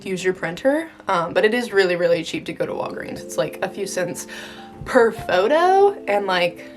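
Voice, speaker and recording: Her voice is on the low side and fairly quick as she gushes through a casual vlog. The young American vlogger has a valley girl manner, constantly saying "like" and "totally cute," and music plays behind her.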